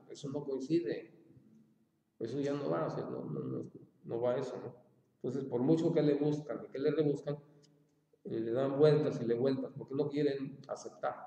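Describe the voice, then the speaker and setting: A man's voice: medium pitch, creaky, dark tone. Man teaching Bible in an echoey hall. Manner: plain, repeats points, many fillers and "¿ya?" checks. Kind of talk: informal Bible class.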